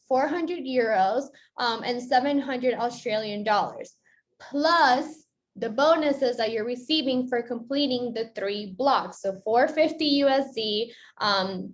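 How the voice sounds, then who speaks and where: Upbeat woman presenter from Colombia. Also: on the high side. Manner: upbeat, checks in with "okay?". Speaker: business onboarding presenter. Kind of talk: explanatory presentation.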